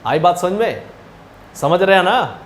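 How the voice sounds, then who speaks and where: A man's voice: high voice, big pitch swings, measured pace, echoey room, a little hiss or hum. A man teaching a class, retelling a story in a chatty way and often asking whether the students follow. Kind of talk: storytelling lesson retelling a chapter.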